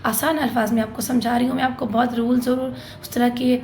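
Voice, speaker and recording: Woman tajweed teacher, patient, stretching each letter out slowly, pitched a little high, in an echoey room. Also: flat delivery, darkish tone, a little hiss or hum. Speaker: Quran recitation teacher. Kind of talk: tajweed lesson.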